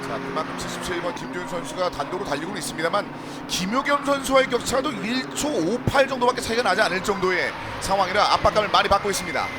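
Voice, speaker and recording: A man gives live motorsport commentary in a very high-pitched voice. He talks quickly and urgently, calling positions as they change. Loud car and track noise runs behind him. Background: cars and outdoor ambience.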